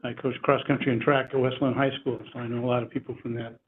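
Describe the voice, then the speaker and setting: A man's voice: medium pitch, flat delivery, fast. A man speaking informally and anecdotally as a board member at a meeting. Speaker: board member and running coach. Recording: tinny phone-like meeting audio, faint noise.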